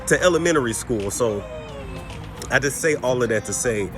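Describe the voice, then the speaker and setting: A man's voice: mid-range voice, animated, normal speed, over music. A man in his thirties vlogging in a casual, rambling, slangy way, talking straight to his viewers and swearing freely. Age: 30s. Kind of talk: casual vlog chat.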